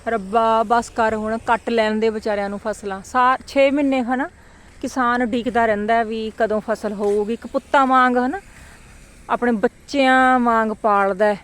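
A woman chatting casually for a village vlog outdoors, animated and given to exclaiming and playful calling out. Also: fairly high pitch, moderate pace. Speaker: village vlogger.

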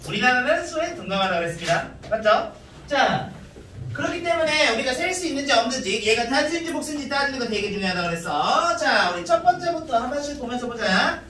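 A man's voice: extremely high pitch, big pitch swings, fairly quick, pushed and bright, a little hiss or hum. A man teaching a middle school English grammar class, repeating points and quizzing students with rhetorical questions. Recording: echoey room, from far off.

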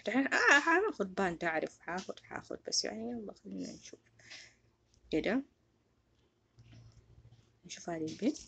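Excitable woman gamer. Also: mid-range voice, gravelly, breathy edge. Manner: chatty, excitable, talks to viewers. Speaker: gaming YouTuber. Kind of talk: casual game commentary.

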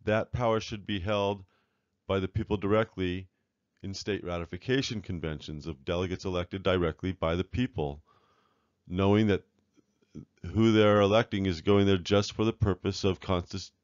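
Low, earnest man lecturing over slides. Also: fairly even intonation, dry recording, muffled recording. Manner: measured, earnest, with fillers and restarts. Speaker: author presenting his book. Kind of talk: slide-show lecture narration.

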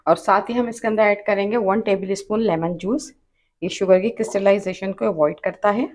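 A woman's voice: medium pitch, moderate pace, a little mellow. Patient woman with a Pakistani Urdu accent teaching a recipe. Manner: patient, repeats each step and tip. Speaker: cooking channel host. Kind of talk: step-by-step recipe instructions. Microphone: off-camera voice over hands-only cooking shots.

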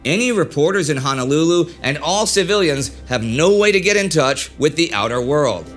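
A man in his thirties hosts a history documentary from a studio desk. He tells the story in a measured way with occasional direct asides, his voice sitting somewhat high. Soft music plays underneath. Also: expressive. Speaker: host. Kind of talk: scripted documentary narration. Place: indoor studio set with a desk.

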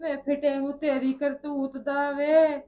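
A woman's voice: high-pitched, level tone, a little slow, muffled recording. A young woman playing a poor, worried village housewife and mother who complains and quarrels. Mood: scolding. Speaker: mother and wife. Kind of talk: homemade village drama acting.

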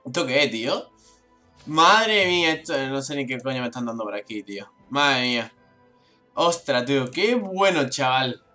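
Young male gaming YouTuber, bright tense tone, repeats words in frantic bursts. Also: medium pitch, faint music behind. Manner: excitable, swears, repeats words rapidly. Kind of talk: live gameplay commentary.

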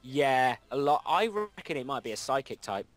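A man's voice: medium pitch, big pitch swings, moderate pace, dry recording. A young man hosting a let's play, chatting casually and rambling with frequent restarts. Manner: rambling, self-correcting, reads game dialogue aloud. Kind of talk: casual gameplay chat.

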